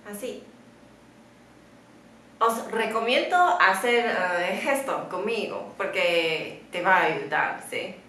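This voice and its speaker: A woman's voice: a little high, bright, forceful tone, roomy sound, slight background noise. A woman whose first language is Mandarin Chinese, teaching a patient beginner lesson and checking in often with "¿sí?". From Taiwan. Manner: patient, drawn-out demonstrations with many checking "¿sí?".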